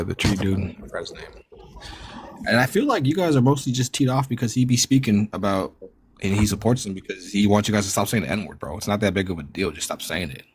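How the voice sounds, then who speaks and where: Low voiced dude calling in, defiant, says bro a lot, bit of hiss. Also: male voice. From Guatemala. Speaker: caller on a live panel. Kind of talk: heated live discussion.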